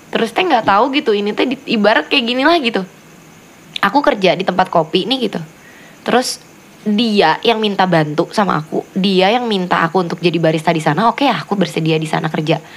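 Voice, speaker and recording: A woman chatting casually, giving a friend earnest advice in long run-on stretches. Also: mid-range voice. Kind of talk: casual chat.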